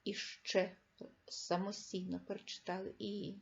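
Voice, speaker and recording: A woman teacher giving a reading lesson to young children, speaking clearly and with emphasis and stressing each word. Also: medium pitch, little pitch movement, measured pace, muffled recording. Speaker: primary school teacher.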